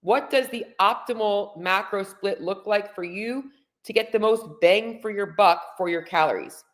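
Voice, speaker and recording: Fired-up, over-caffeinated woman coach. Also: normal speed. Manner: over-caffeinated high energy, fired-up and emphatic; blunt, salty-tongued. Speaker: fitness and diet coach hosting a livestream. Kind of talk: casual motivational livestream talk to viewers. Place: room at home.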